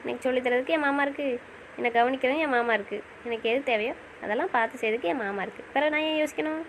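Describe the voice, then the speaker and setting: A woman's voice: sits high, rapid-fire, a little hiss or hum. A woman playing a young newlywed wife who coaxes and questions her husband in a romantic audio drama. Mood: affectionate. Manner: affectionate, pleading and coaxing.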